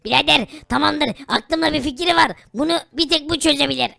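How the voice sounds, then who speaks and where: A woman's voice: high voice, fairly quick, gravelly, pushed and bright, no room sound, heavily acted. A woman voicing a poor, easygoing male friend who talks in casual brotherly slang in a game role-play.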